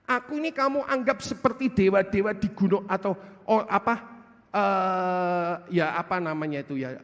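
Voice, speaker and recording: A man voicing God as he gently rebukes a calculating believer, chiding and mildly amused. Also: sits high, moderate pace, in a large hall.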